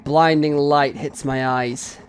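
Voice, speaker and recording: A man reading a visual novel aloud in first person, slow and expressive, rising into anxious cries. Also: fairly high pitch, slight background noise.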